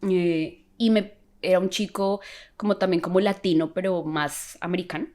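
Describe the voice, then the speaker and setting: Young woman, lowish voice, casual and animated storyteller who acts out the other voices. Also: normal speed. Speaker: podcast guest sharing a testimony.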